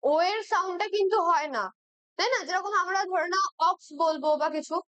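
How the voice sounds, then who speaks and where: A woman's voice: very high-pitched, fairly quick, sharp tone, no room sound, muffled recording. A young woman with a Bengali accent who teaches English grammar for exam preparation and keeps checking in with her students as she explains each question. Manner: patient, checks in with "right?" often.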